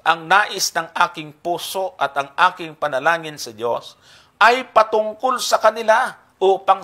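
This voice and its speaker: A man's voice: sits high, pushed and bright. A man teaching a Bible study, explaining a passage earnestly and speaking to his listeners as brothers and sisters. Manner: earnest, explanatory, reads verses aloud with heavy emphasis; addresses listeners as brothers and sisters, polite particles.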